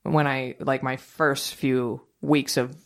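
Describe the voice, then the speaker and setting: A woman's voice: extremely low pitch, level tone, slow. A woman giving advice in casual podcast chat, blunt and emphatic, swearing freely.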